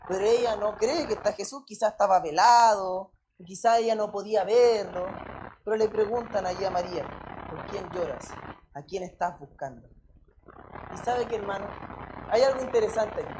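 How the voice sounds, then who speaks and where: A woman with a Chilean accent and a mid-range voice preaches emphatically, firing off rhetorical questions and often addressing her listeners as brother. The background is noisy.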